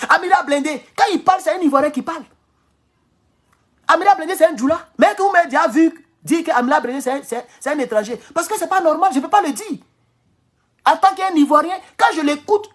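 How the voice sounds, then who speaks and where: A man from Ivory Coast with an Ivorian French accent, giving an animated, casual political monologue at home, repeating phrases and chuckling often. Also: very high-pitched. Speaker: political commentator. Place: at home in his kitchen.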